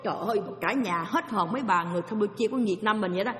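A woman giving an animated dharma talk as a Buddhist teacher, telling stories and asking her listeners questions. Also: medium pitch, very fast, soft background music. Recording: echoey hall.

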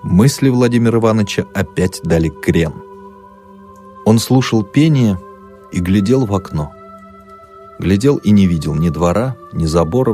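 A man narrating an audiobook in an expressive, dramatic storytelling manner. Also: low voice.

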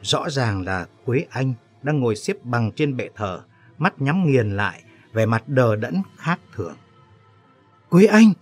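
Man telling a story steadily, music low in the back. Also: animated, measured pace, breathy edge. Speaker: narrator. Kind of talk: audiobook story narration. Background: faint background music.

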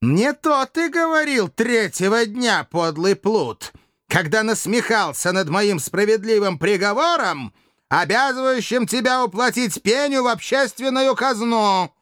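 A raging, screaming old Roman tyrant. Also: male voice, high-pitched, animated, a little slow, a bit bright, dry recording, studio quality, pitched above the performer's own voice. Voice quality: hoarse, frenzied screaming. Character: raging dying old male Roman dictator.

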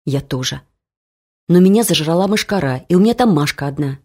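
A woman reading the lines of a timid, squeaky young mother in an audiobook story. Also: lively intonation, a little fast, warm tone. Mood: plaintive. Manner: squeaky, meek yet stubborn.

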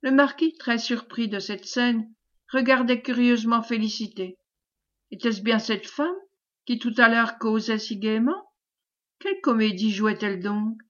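Woman audiobook reader, somewhat high voice, steady narration, muffled lo-fi sound. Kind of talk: scripted narration of a classic novel.

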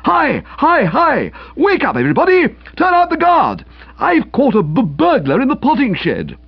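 Narrator puts on a hollering young man, very high and loud, dull dry recording. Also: huge pitch swings, normal speed, creaky, slightly rough, exaggerated voice. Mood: frantic. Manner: frantic, shouting. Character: excitable young man raising the alarm.

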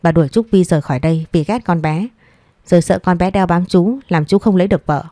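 A woman's voice: fairly low pitch, quick pace, mellow, dry recording, studio quality, lightly acted. A woman voicing an adult man, a weary son standing up to his mother in an audio story, speaking firmly. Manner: firm, tired.

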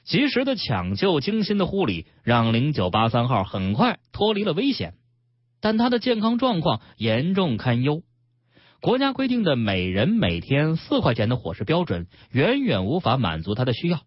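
A man, hosting a radio health show and reading a story aloud with calm, expressive storytelling. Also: fairly high pitch, moderate pace, husky, dry recording. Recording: dull radio broadcast.

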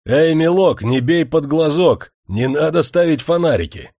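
A man voicing a rough, mocking male Breton cavalryman in a spoken story, raising his voice high and loud. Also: lively intonation, measured pace, dry recording, studio quality. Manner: guffawing, mocking.

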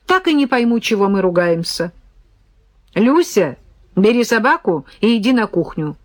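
A woman voicing a brisk, practical woman who talks firmly to calm a quarrel, in an audiobook. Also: mid-range voice, no room sound, clean studio sound, voice pushed up, close to an everyday voice.

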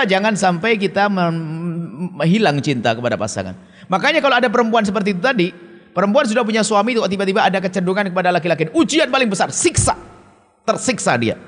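A man preaching a sermon in a stern, emphatic manner, his voice high and lively as it swoops up and down. The sound carries a long reverb, as if recorded in a large hall. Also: quick pace. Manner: emphatic and stern, with sharp swings of pitch. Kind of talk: sermon answering a question from the audience.

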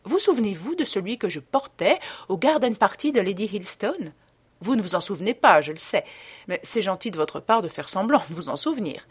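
A woman's voice: medium pitch, sing-song, fairly quick, slightly rough. A woman voicing a witty, teasing aristocratic duchess in an audiobook, with an arch, playful manner. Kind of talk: audiobook character reading.

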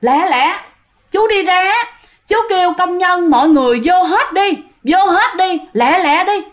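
A woman's voice: very high voice, lively intonation, measured pace, pitched above the performer's own voice. A woman voicing a stern old male ghost who scolds and warns the workers. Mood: urgent. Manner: scolding, insistent warnings.

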